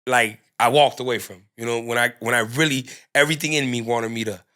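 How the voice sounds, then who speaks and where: A man's voice: mid-range voice, fairly even intonation, brisk, bright, forceful tone. A man, a restaurant owner and guest, talking candidly in loose street slang, full of fillers and restarts. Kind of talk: candid casual conversation.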